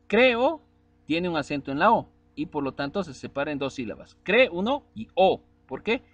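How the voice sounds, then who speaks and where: A male teacher gives a spelling lesson, breaking words into syllables and naming vowels one at a time. His voice sits a little high and swings widely in pitch as he checks in with short questions. The recording is dry, with no room sound. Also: no echo.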